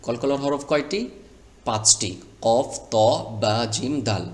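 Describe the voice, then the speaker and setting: A man teaching Quran reading over a screen recording, explaining rules patiently step by step and sounding out letters one at a time. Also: mid-range voice.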